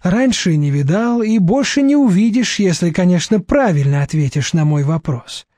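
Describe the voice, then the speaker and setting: A man's voice: high-pitched, lively intonation, moderate pace, dark tone, no room sound, studio quality. A man voicing a sneering, menacing young male thug who hisses threats, in a storybook reading.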